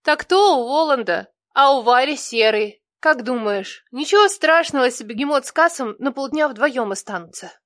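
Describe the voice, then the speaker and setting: A man's voice: extremely high pitch, animated, normal speed, few pauses, a bit bright, no room sound, studio quality, voice pushed up. A man doing a cheeky, squealing young woman. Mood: playful. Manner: sly, squealing.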